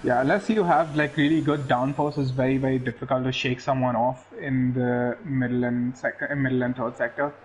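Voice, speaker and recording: A man's voice: mid-range voice, fairly even intonation, brisk, hardly any pauses, a little hiss or hum, poor audio. A man co-commentating a motorsport race live in a conversational way, often repeating phrases. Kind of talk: live sim racing commentary.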